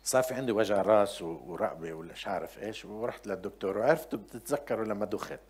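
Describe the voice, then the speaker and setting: A middle-aged man with a Levantine Arabic accent preaching a sermon, telling chatty personal anecdotes and swinging from quiet asides to loud, emphatic points. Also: fairly low pitch, fast talker, husky.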